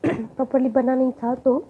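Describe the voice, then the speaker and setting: A hoarse young woman with a sore throat, chatting casually in a home vlog and often clearing her throat. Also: high voice. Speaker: beauty vlogger. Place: drawing room at her mother's home. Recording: tinny phone-like sound, faint noise.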